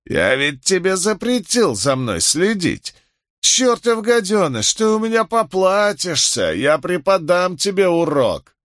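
A man voicing a drunk, furious older male orphanage master who shouts and wheezes threats in an audiobook. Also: medium pitch, big pitch swings, unhurried, vocal fry, breathy edge, no room sound, studio quality, heavily acted.

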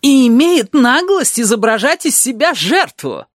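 A reader puts on a furious female teacher from an audiobook, her raised voice leaping high and low as she rants. She spits out indignant complaints. The sound is close and dry. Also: big pitch swings, moderate pace, darkish tone, no room sound, natural voice. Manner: indignant, fuming. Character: irritable, sharp-tongued female teacher. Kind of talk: audiobook character voice.

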